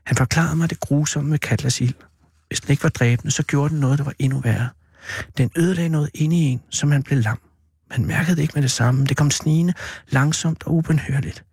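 A man's creaky, gravelly voice reads a storybook aloud, slow and mournful. There is a husky edge to it, and the sound is dry and close. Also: on the high side, a little mellow, dry recording. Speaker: narrator. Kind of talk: storybook reading.

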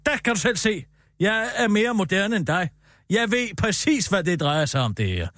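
A man with a fairly high voice that leaps up and down as he lectures in a bombastic, mock-authoritative way. He is a satirical radio comedy host, recorded dry and close on a studio mic. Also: big pitch swings, fairly bright tone, dry recording.

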